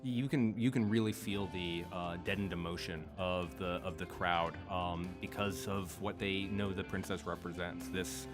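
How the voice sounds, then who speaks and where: A man narrating as game master in a tabletop game, improvising in halting, deliberate phrases. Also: deep voice, fairly even intonation, music in the background.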